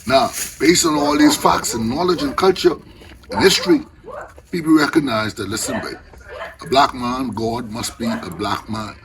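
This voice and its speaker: A man's voice: medium pitch, normal speed, noisy background. An older man from the Bahamas with a Caribbean accent, reasoning informally and with passion in Rasta speech with patois phrasing. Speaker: Rastafarian elder.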